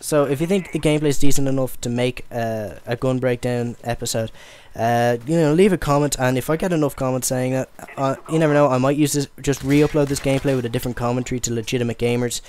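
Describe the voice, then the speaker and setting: A man's voice: mid-range voice, steady tone, quick pace, hardly any pauses, a little mellow, clean tone. Rambling young Irish-raised gamer man. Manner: rambling, stammering with many fillers. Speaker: gaming commentator. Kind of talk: casual gameplay commentary.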